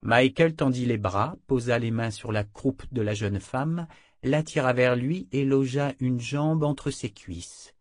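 A man narrating a fantasy novel in a measured reading voice, voicing the dialogue himself. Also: mid-range voice, no echo, clean studio sound. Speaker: audiobook narrator.

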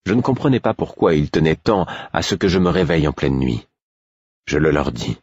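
Deep husky guy reading a novel aloud, dry muffled recording. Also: big pitch swings, darkish tone, no echo. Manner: measured, dreamy storytelling. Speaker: audiobook narrator. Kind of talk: first-person novel narration. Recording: dull, dry audiobook recording.

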